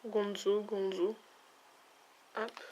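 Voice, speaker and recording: A woman's voice: mid-range voice, little pitch movement, extremely slow, a little mellow, a little hiss or hum. A woman reviewing a makeup palette in a casual vlog, talking in a hesitant, chatty way with many fillers. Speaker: beauty vlogger. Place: at home, near a window with backlight.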